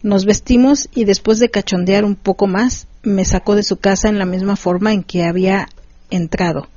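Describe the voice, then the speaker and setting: A woman, a podcast host reading a story aloud in a steady, unhurried way and chatting casually. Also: medium pitch, no room sound. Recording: dry, slightly dull sound.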